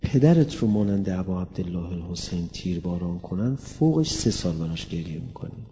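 A man delivers a sermon in a low, gravelly voice, pressing his listeners with direct rhetorical questions. His voice rings with a long hall reverb over a faint background hum. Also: expressive, mellow. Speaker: religious lecturer.

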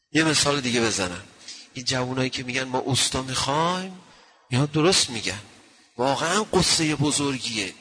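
A man giving a religious sermon, telling stories and swinging from quiet to loud. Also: medium pitch, husky. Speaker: preacher. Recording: long hall reverb.

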